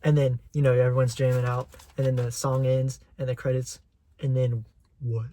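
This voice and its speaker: Excitable young man rambling as a fan. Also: medium pitch, moderate pace. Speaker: channel host. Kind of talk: casual chat.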